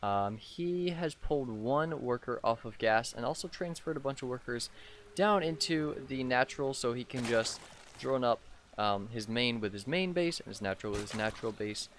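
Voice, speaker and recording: Hoarse man casting a strategy game. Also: medium pitch, animated, moderate pace, a bit bright, slight background noise. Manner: rambling with many "um" fillers. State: sick with a sore throat. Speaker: gaming channel host casting his own match. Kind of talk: casual game commentary.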